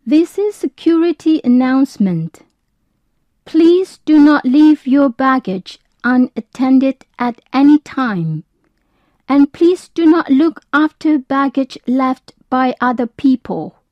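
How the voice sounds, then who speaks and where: A woman's voice: sits high, lively intonation, takes it slowly, no room sound. A woman playing a formal airport announcer reading scripted announcements on a lo-fi recording.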